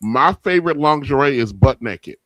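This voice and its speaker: Male co-host, mid pitch, lively, blunt slang, dry close mic. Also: normal speed, no echo, low-quality recording. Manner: blunt, slangy, laughs easily. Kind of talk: casual podcast banter.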